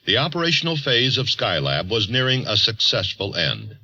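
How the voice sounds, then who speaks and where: A man reading formal, deliberate scripted narration for a 1970s documentary. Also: mid-range voice, wildly swooping pitch, bright, forceful tone, no room sound. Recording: dry, dull old film soundtrack.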